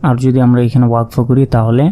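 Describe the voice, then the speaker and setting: A man's voice: medium pitch, level tone, quick pace, warm tone. A man teaching Quran recitation in Bengali with a Bangladeshi accent. He spells out letters and vowel marks one by one, then chants the joined word. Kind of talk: slow spelled-out Quran reading lesson.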